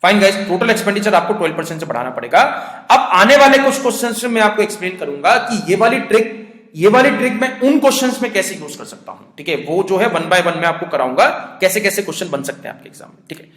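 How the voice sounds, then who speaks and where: A man teaching aptitude math in a brisk, coaxing manner, asking questions and answering them himself. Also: high-pitched, expressive, fairly bright tone. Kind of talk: classroom math lesson. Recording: echoey room with long reverb.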